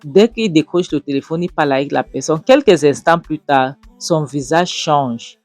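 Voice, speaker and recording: Woman host doing a chill recap, lots of euh, soft music behind. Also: sits low, dry recording. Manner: halting, lots of fillers and restarts. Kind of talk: casual episode recap.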